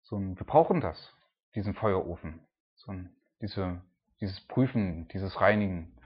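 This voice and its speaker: A man's voice: low-pitched, a little slow, husky, highs cut off. A man reading scripture and then explaining it in a casual, talkative way, with many tag questions and fillers. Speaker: preacher. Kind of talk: Bible reading and devotional commentary.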